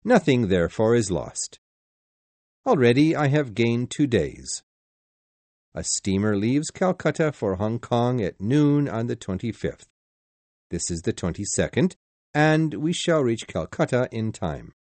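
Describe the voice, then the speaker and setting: A man voicing a composed English gentleman traveler who speaks in a measured, confident way. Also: medium pitch, sing-song, no echo. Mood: calm.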